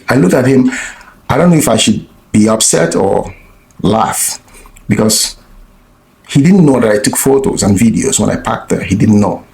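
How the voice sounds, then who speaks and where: A man's voice: fairly low pitch, animated, normal speed, creaky, darkish tone, reverberant, poor audio. A man vlogging, telling a story in a blunt, profane way with lots of restarts. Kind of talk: casual storytelling monologue.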